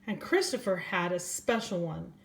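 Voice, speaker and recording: An older woman, a grandmother, reads to young children from a storybook, speaking slowly and directly and asking them questions. Her voice is fairly low, expressive, and gravelly.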